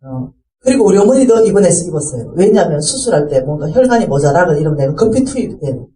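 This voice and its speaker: A middle-aged woman delivers a sermon-style testimony, her pitch swinging widely as she acts out the people in her story. Her tone is mellow and soft-edged. She sounds set back from the mic in a roomy, echoing hall. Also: very animated, fast talker, distant mic. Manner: impassioned, rising to fervent pleading. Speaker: speaker giving a church testimony.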